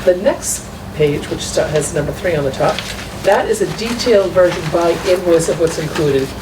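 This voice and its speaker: In a school committee meeting room, a woman with a lowish voice delivers a report at a moderate pace. As school business manager, she explains and walks through documents, captured by a distant room mic that sounds echoey and noisy.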